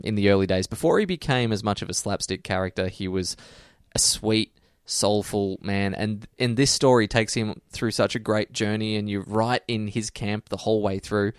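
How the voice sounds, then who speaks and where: A man's voice: fairly low pitch, moderate pace, hardly any pauses, clean tone, no room sound, studio quality. A man in his twenties co-hosting a podcast in casual chat, telling stories that ramble and correct themselves. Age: 20s. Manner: rambling, self-correcting storyteller. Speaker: podcast co-host.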